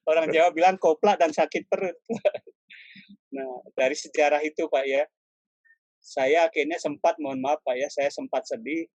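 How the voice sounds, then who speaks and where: A man's voice: on the high side, darkish tone, dry recording, dull audio. Chatty middle-aged man telling stories. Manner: addresses the listener as "Pak" constantly, with frequent apologies; laughs often while telling stories. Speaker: painter and art lecturer, interviewee. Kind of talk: casual storytelling interview.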